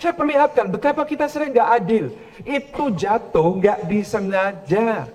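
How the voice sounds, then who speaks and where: A man giving a parenting lecture to a live audience, animated and telling stories as he preaches. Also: normal speed. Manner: animated, acts out quoted parents in higher voices.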